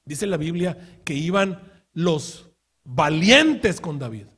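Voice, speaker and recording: Husky-voiced pastor preaching. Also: male voice, on the high side, big pitch swings, slow pace. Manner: storytelling with acted-out quotes, rhetorical questions; shifts from quiet asides to loud shouted outbursts. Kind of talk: sermon.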